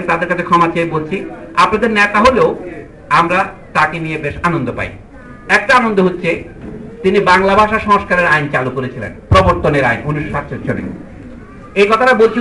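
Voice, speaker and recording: Teacher from Bangladesh delivering a public lecture. Argumentative speaker with a bright, forceful voice, heavy on rhetorical questions. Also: male voice, sits high, far from the mic, low-quality recording. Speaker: teacher giving a public speech.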